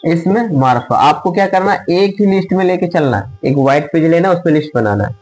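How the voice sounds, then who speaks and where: A man teaching an online grammar lesson, asking questions and answering them himself, repeating the items slowly as he writes them out. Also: a little high, expressive, a little mellow, faint music behind, low-quality recording. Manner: drills by asking and answering his own questions.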